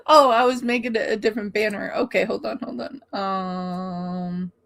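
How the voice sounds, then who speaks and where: A woman's voice: medium pitch, fairly even intonation, measured pace, vocal fry, fairly bright tone. A woman hosting a live tarot stream, chatting casually, greeting viewers by name and laughing often. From Oregon.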